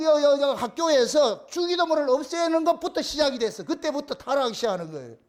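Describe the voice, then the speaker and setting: Male pastor, very high and lively delivery, emphatic, plain-spoken, repeats key lines. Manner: blunt, colloquial, crude at times. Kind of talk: sermon. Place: church.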